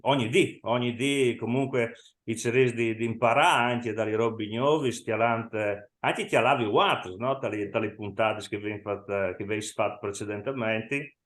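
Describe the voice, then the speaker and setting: A man's voice: medium pitch, a little slow, a bit bright. A man with a Friulian accent chatting casually about football as a guest, somewhat hesitant, in echoey room sound. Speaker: podcast guest, Inter fan.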